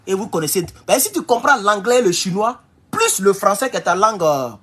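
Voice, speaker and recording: A high, husky male voice with a Burkinabè French accent delivers a political commentary vlog. He talks in an animated, rousing way, swinging widely in pitch and often restarting his phrases as he calls on his listeners as comrades. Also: brisk. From Burkina Faso.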